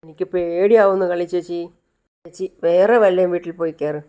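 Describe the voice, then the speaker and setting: A woman's voice: lowish voice, fairly even intonation, fairly quick, warm tone, natural voice. A woman voicing a frightened young woman left home alone, panicking and pleading.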